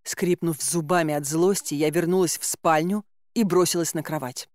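Lady reading a fantasy audiobook in first person, lowish voice, dry close sound, lots of exclaiming. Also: moderate pace, no echo. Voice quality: animated, exclaiming inner monologue. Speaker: audiobook narrator.

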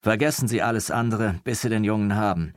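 A man's voice: lowish voice, fairly quick, no room sound, studio quality, lightly acted. Male narrator as a stern commissioner, firm and commanding, clipped orders.

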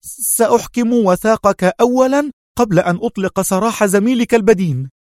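A cruel female spy with a high, sharp and tense voice, snapping her lines, as a man puts her on for a storybook reading. Close, dry sound. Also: expressive, brisk, dry recording.

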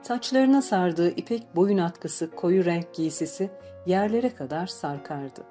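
A woman reading an audiobook in measured, steady narration. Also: lowish voice. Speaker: audiobook reader. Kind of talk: scripted narration. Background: faint background music.

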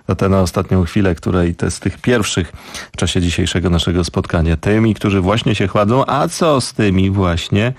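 A man's voice: low-pitched, moderate pace, dry recording. A man hosting a live morning radio show, reading out listener greetings in a chatty way and chuckling at his own stumbles over foreign place names, in a studio at a microphone.

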